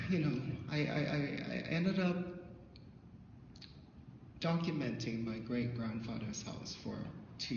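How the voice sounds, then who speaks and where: This is a symposium talk of personal storytelling by a middle-aged Thai-speaking artist from Thailand, who stumbles, restarts and leans on fillers. His voice sits in the mid range and is a little mellow. Recorded from the back of a dim hall with a projector screen through his handheld mic, the sound is reverberant, muffled and faintly hissy.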